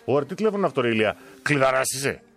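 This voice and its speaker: A man's voice: mid-range voice, expressive, a bit bright, faint music behind. A man hosting a casual live-stream prize draw, reading winners' names aloud with joking asides. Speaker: host drawing giveaway winners.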